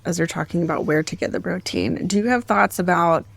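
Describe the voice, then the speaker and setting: Gravelly-voiced woman asking follow-ups. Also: on the low side, a little fast, dry recording. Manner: asks probing follow-up questions. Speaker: podcast co-host. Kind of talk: casual interview chat.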